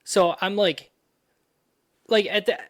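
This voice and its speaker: A man's voice: sits high, fairly even intonation, slow pace. A young man hosting a podcast, telling a story in a loose, profane, casual way full of fillers. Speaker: podcast host.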